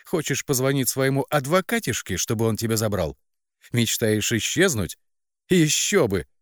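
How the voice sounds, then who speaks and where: A man voicing a spiteful, cruel young woman who mocks her sister in a shrill, contemptuous voice. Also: sing-song, slow, no echo, studio quality. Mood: scornful.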